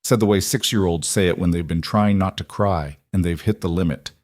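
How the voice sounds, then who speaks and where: A man reading a scripted story in a calm, measured, soft-spoken way. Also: deep voice, dry recording, clean studio sound.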